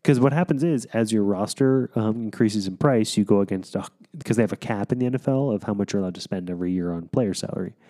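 A man's voice: fairly low pitch, quick pace, few pauses, warm tone. A man co-hosting a casual chat, playfully argumentative, explaining things at length with frequent ums and restarts.

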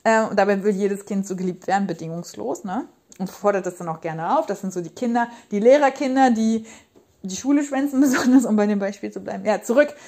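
A woman's voice: mid-range voice, fairly quick, a little mellow. A woman in her thirties hosting a casual monologue podcast as a parenting coach, talking passionately and rambling with emphatic repetitions. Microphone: podcast microphone.

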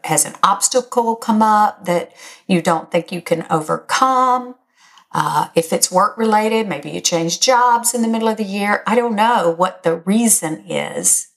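Raspy older woman giving encouragement. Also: mid-range voice, a bit bright. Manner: encouraging, direct address, emphatic. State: slightly hoarse, recovering from illness. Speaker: podcast host. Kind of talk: motivational solo talk to listeners.

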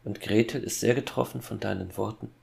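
A man voicing a calm, cold young boy who quietly threatens his father in a horror fairy-tale audiobook. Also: fairly low pitch, brisk, creaky. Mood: cold menacing.

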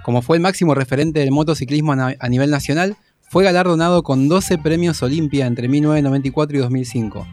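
Brisk male documentary narrator. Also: fairly high pitch, steady tone, a little mellow, soft background music.

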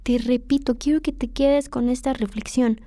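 A Mexican woman hosts her own podcast in a candid, confessional monologue, speaking directly to the listener. Her voice sits a little high. The recording is dry, with no room sound around her. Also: steady tone, normal speed, dark tone, dry recording. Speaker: podcast host. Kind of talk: reflective personal monologue.

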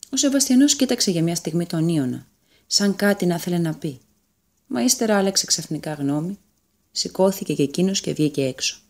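Low-voiced woman telling a fairy tale. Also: darkish tone. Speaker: storyteller. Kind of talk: storybook narration.

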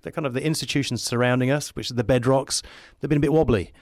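A man's voice: medium pitch, fairly even intonation, fast talker, darkish tone, no echo, studio quality. A man chatting casually as a podcast guest, enthusiastic and optimistic in a rambling, musing way. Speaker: podcast guest, advertising creative. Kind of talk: casual conversational interview.

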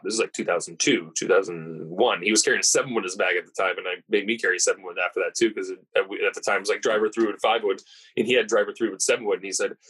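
A man's voice: on the low side, a bit bright, slightly rough, poor audio. A man hosting a podcast, chatting casually and telling a digressive golf-caddie anecdote with self-correcting asides.

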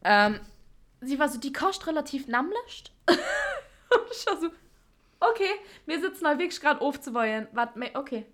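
A young woman co-hosting a podcast, chatting casually and telling an animated story with frequent laughter. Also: high-pitched, normal speed. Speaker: podcast co-host. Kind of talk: casual chat.

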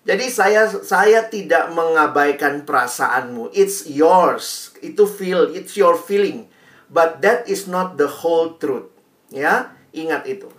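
Lively man speaking from far off. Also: fairly high pitch, slow. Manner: lively, slips English phrases into his talk. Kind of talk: speaking to a group. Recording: echoey, mic far away.

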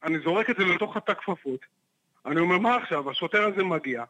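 A man, a private investigator guest on a podcast, telling a story in a lively, animated way and acting out the dialogue. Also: lo-fi sound. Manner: animated, acts out the dialogue with jumps in pitch.

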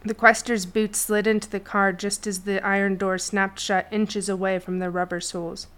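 A woman narrating a fantasy novel chapter in a steady storytelling read. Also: mid-range voice, normal speed, clear, resonant tone. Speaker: audiobook narrator. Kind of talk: scripted fiction narration.

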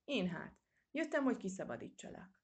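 A woman's voice: on the high side, sing-song, voice pushed up. A woman voicing a loyal young mouse rescuer, earnest and plain. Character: loyal young male mouse friend, brave but practical.

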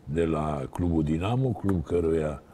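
A man's voice: rumbling low, warm tone, slight background noise. A man hosting an interview, prompting his guest and interjecting with background facts. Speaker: interviewer, host. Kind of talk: conversational interview.

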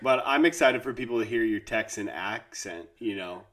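A man with a lowish, slightly bright voice co-hosts a podcast at normal speed, chatting and joking with his co-host over a remote call. He's playful and laughs often.

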